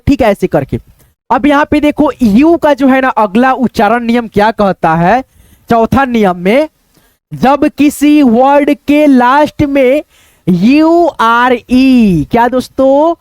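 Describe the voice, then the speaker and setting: Addressing his audience as friends, a man walks through English pronunciation rules, raising his own questions, answering them, and repeating phrases frequently. His voice is very high, and the recording sounds dry.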